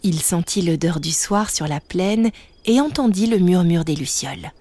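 Gentle woman narrating a bedtime story. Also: on the low side, expressive, normal speed, no room sound.

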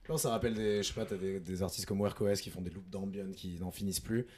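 A man's voice: sits low, fairly even intonation, a little mellow, breathy edge. A young man chatting casually about music, enthusiastic and a little hesitant, sometimes steering the conversation. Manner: enthusiastic, hesitant, quick to agree. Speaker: music show co-host.

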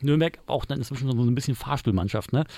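A man chatting casually as a podcast co-host, throwing in easygoing asides. He talks quickly in a middle register. The recording sounds close and dry. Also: medium pitch, mellow, dry recording. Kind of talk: casual football chat.

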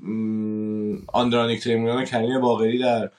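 A man's voice: medium pitch, level tone, a little mellow. A man from Iran hosting a podcast, asking questions casually with hesitant fillers and laughing along. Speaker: podcast host.

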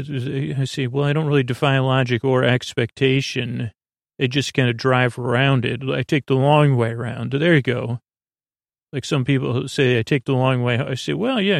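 A podcast host delivers a sleep monologue in a medium-pitched, very creaky voice. He meanders and stumbles through digressions and false starts, often restarting and losing his thread. The recording is very dry, without room echo.

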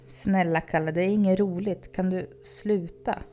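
A woman's voice: lowish voice, fairly even intonation, mellow, lightly acted. A woman voicing a nervous, polite teenage male babysitter who stammers anxiously.

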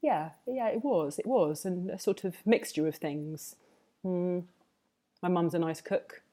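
Her voice is lowish, unhurried and mellow: she's a food writer from Hertfordshire, England, being interviewed, with a Home Counties accent from southern England. She muses in conversation, wandering discursively, returning to phrases she's already said and hedging again and again.

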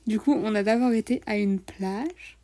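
A woman's voice: medium pitch, moderate pace, mellow. A young woman co-hosting a travel podcast, recounting the trip in enthusiastic, slangy casual chat. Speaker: podcast co-host.

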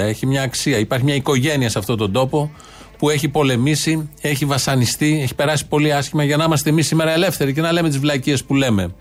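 A man with a slightly raised pitch hosts a political commentary segment from a studio. His tone is sarcastic and mocking throughout, and faint music plays behind him. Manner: mocking, ironic. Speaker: host.

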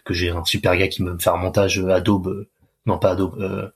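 A man's voice: low-pitched, flat delivery, brisk, husky. A man working as a fitness coach, talking casually in an interview, loose and chatty with many restarts.

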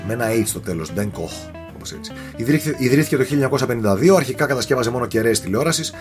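A man telling a story in a casual podcast chat, animated and often tripping over foreign names. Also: medium pitch, over music.

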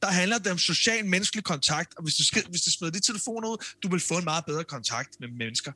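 A man co-hosting a casual podcast chat, animated and emphatic, raising his voice when he rants. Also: high voice, no room sound. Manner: animated, gets loud and emphatic when ranting. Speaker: podcast co-host, former reality show contestant.

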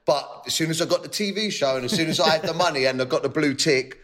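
Bloke on a panel, rough slang, chatting casual, chavvy way of talking. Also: male voice, a little high, fast talker, fairly bright tone. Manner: rough slangy urban talk, self-described chav. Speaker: panel guest. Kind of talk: casual chat.

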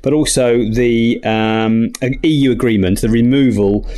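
A man giving unscripted expert market commentary as an interviewed strategist, often halting and restarting his phrases. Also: medium pitch, fairly even intonation, warm tone.

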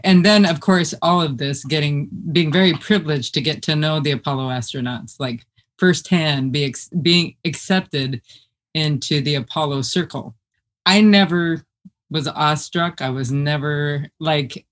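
Appearing as a guest in an interview, a Midwestern woman with a low, deep voice shares her story. Her manner is animated and talkative, and laughter runs through her speech.

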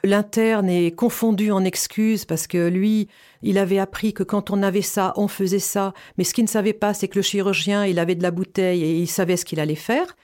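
Sharing her cancer story, a patient in her fifties speaks candidly and earnestly about what she went through. Her voice is medium in pitch, steady and darkish in tone, and she talks briskly.

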